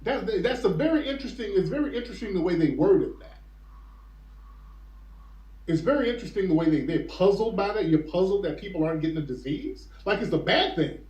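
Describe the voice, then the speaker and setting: Man, commentator, incredulous questioning tone, lively swings in pitch, echoey room. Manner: incredulous, rhetorical questioning, reads headlines aloud slowly. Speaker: commentator reading news headlines. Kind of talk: casual commentary on articles.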